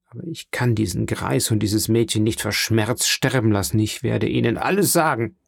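A man's voice: lowish voice, normal speed, creaky, no room sound, studio quality. A man reading an audiobook and voicing a guilt-ridden, fearful man in a remorseful, pleading manner. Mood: guilty. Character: guilt-ridden, fearful adult male neighbour.

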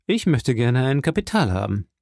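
A man's voice: medium pitch, big pitch swings, normal speed, vocal fry, a little mellow, no echo, studio quality. A man voicing a cold, guarded young male impostor who answers curtly, in a storybook reading. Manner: curt, guarded.

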